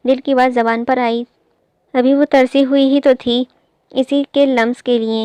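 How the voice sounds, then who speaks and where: A woman reads a novel aloud for an audio channel, in a steady, even narrating voice. Her voice is smooth and clear, pitched somewhat high, with flat intonation. The sound is close and dry. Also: no room sound.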